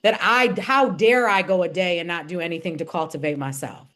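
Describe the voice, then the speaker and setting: A woman's voice: on the low side, a little fast, a bit bright. A woman hosting a wellness podcast who talks in an affirming, reflective way and often uses spiritual wording. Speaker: podcast host. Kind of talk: casual conversational interview.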